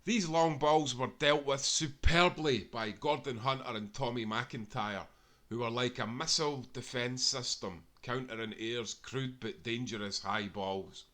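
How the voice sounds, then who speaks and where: Reading a tale of football history, a Scottish man narrates earnestly, correcting himself slightly here and there. His medium-pitched voice sounds pushed and bright, and he goes a little slowly.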